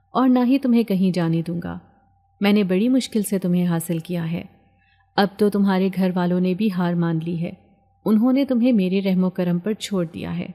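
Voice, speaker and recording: A woman's voice: on the low side, mellow, close to an everyday voice. A woman reading as a menacing male jinn. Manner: taunting, threatening. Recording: long hall reverb.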